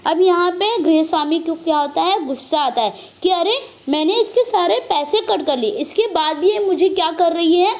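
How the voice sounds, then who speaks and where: A woman's voice: very high-pitched, moderate pace, few pauses, darkish tone. A woman teacher explaining a play to students, asking herself questions and answering them, with frequent "okay" fillers. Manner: asks herself questions and answers them, repeats 'okay' often.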